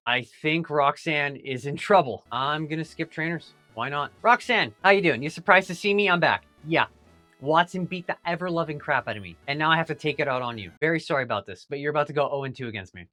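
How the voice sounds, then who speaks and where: A man hosting a video game playthrough, talking to the game as he plays, grumbling one moment and excited the next. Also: a little high. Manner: animated, talks to the game, swings between grumbling and excited. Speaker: gaming channel host. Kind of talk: let's play commentary.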